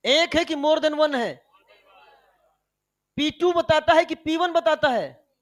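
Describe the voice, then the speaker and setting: High-pitched guy teaching chemistry, super animated, keeps asking the class questions. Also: slow. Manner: animated, fires rhetorical questions at students; calls students "beta", coaxing and scolding. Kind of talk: energetic classroom lecture.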